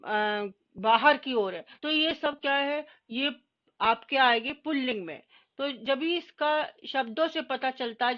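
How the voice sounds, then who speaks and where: A woman's voice: high-pitched, muffled recording. A woman teaching a Hindi grammar lesson, reading word lists aloud and answering her own questions as she explains.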